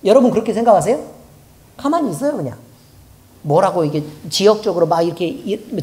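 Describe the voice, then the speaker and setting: Lively, warm-voiced woman pastor preaching. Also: medium pitch. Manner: colloquial, keeps asking the congregation rhetorical questions. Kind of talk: sermon. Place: church.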